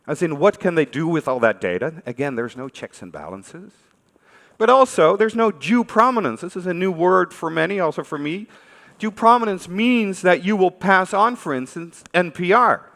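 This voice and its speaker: Speaking with a Dutch accent, this man from the Netherlands delivers a relaxed conference talk, posing questions to listeners in a conversational way. He has a high, fairly bright voice with lively intonation at a normal speed, captured on a reverberant stage in a large hall.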